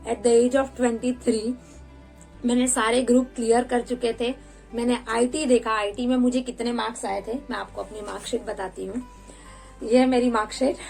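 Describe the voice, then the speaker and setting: Candid young woman telling her story, gravelly. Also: fairly high pitch, darkish tone, poor audio. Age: 20s. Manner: candid storytelling, mixing in English words. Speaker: vlogger. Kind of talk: personal story vlog.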